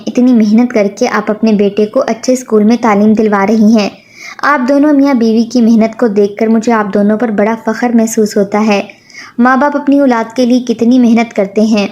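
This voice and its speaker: A woman narrating a sad family story in a steady, emotional storytelling manner. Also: on the high side.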